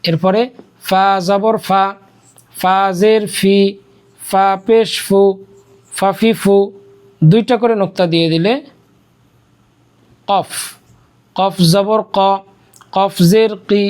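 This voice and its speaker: Slow, patient Quran reading teacher. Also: medium pitch, smooth. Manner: repeats letter-vowel drills in a steady chant, then explains briskly. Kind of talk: slow drilled recitation lesson.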